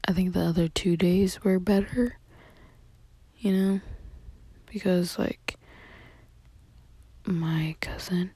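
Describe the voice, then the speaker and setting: A woman's voice: fairly low pitch, fairly even intonation, takes it slowly, long pauses, no room sound. A young woman whispering a rambling, casual voice message to a friend from a closet at home at night. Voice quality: breathy whisper. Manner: rambling, hushed, many fillers.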